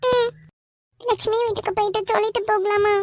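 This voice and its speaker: A woman's voice: very high-pitched, steady tone, brisk, dry recording, studio quality. A woman voicing a kind young wife who comforts and reassures her friend, with a Kanyakumari Tamil accent, in a cartoon love story. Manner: soft, caring, reassuring.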